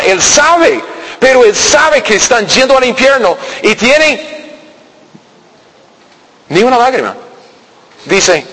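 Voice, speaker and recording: Guy preaching, kinda high voice, keeps asking "you get me?", big hall echo. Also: fairly bright tone, husky. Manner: keeps checking in with listeners, repeating words. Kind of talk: conversational sermon. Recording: long hall reverb.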